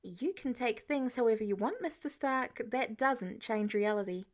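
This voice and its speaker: An earnest, defiant young male superhero, acted out by a woman narrator in an audiobook. The voice sits high and swings freely in pitch, with a sassy, indignant edge. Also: lively intonation, moderate pace, close to an everyday voice. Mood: defiant, cheeky. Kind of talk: audiobook character dialogue.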